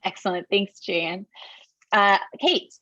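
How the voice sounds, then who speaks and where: A woman admissions officer hosting an online alumni panel, upbeat and brisk, with short affirmations between speakers. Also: mid-range voice, animated, pushed and bright, no room sound, highs cut off.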